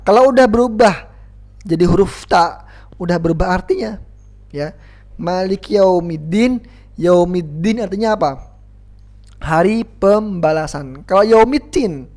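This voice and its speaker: A patient Quran recitation teacher talks at an unhurried, measured pace, explaining each sound carefully. Verses are modeled in a drawn-out chant, then repeated for the class to copy. The voice sits at a middling pitch with a relaxed classroom manner. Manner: calls self 'Ana' and students 'antum', Arabic-flavored classroom talk. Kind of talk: tajwid lesson with call-and-repeat practice.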